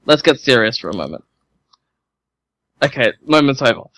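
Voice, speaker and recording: A man's voice: mid-range voice, big pitch swings, moderate pace, a bit bright, no room sound. A man playing a tabletop game, joking and rambling with the other players.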